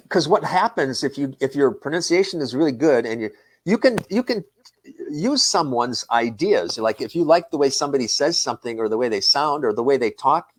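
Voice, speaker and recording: A middle-aged man from the northern United States with a Midwestern American accent, an English instructor calmly explaining in short, repeated points. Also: medium pitch. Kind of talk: casual conversation.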